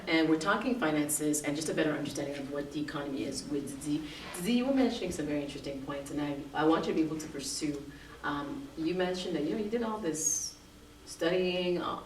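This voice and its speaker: A woman hosting an interview, talking through questions about money in a casual chat. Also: low voice. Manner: talks quickly, leading questions. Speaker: host. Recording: roomy, distant mic, faint noise.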